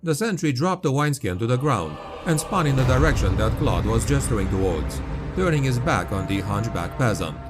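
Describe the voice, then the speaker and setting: Dark, dramatic male fantasy narrator over music. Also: medium pitch, expressive, fairly quick. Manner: grave, dramatic, dark storytelling. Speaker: audiobook narrator.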